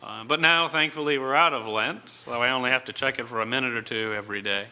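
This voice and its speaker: A middle-aged male preacher with a very bright, sharp-edged voice at an ordinary male pitch. He gives a reflective sermon, phrasing deliberately and leaving weighty pauses between thoughts.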